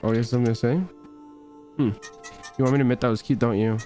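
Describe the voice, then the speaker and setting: A man on a desk mic chats his way through a story game, reading lines aloud and trading jokes with his viewers. His voice sits at an ordinary middle pitch, loose and offhand with the odd curse. Faint game music plays underneath. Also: fairly even intonation, quick pace, warm tone. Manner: chatty, swears offhandedly, banters with chat. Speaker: gaming streamer. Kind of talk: casual let's-play commentary, reading game dialogue aloud.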